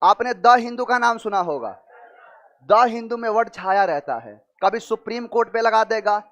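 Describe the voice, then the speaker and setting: This is a male teacher, walking through word meanings with memory tricks. His voice sits very high, and he keeps asking questions and then answering them himself. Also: animated, normal speed, fairly bright tone, muffled recording. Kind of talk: vocabulary lesson with memory tricks.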